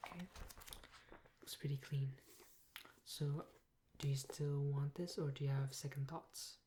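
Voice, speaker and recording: Close to a binaural microphone that picks up a clear hiss, a woman plays a patient, helpful librarian assisting a patron in an ASMR role-play. She is soft-spoken, breathy, and gentle, with a very deep, steady voice, taking her time and pausing as she talks.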